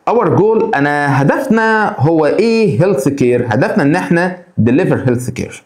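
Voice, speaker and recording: An Egyptian man teaches English vocabulary for an exam. His voice rises and falls in a lively way as he fires questions straight at his students. The sound is roomy, with a noticeable echo. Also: on the high side. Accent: Egyptian Arabic. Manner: addresses students directly with quick rhetorical questions. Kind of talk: exam-prep lesson explaining vocabulary.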